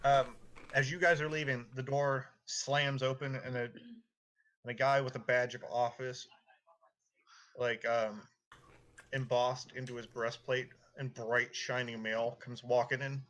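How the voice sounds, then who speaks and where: A man's voice: medium pitch, little pitch movement, fairly bright tone. A man narrating a tabletop role-playing game as dungeon master, loose and full of fillers. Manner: loose, filler-heavy narration with quick character voices.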